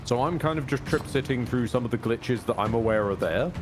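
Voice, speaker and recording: Animated man chatting over a game. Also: medium pitch, brisk, noisy background. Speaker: video game streamer. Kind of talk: casual gameplay chat and commentary. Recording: game music clearly behind voice. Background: game music.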